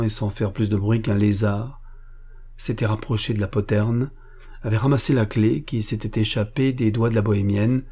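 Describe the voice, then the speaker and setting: A man reading an adventure novel aloud as an audiobook, in a measured, even narration. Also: on the low side, husky.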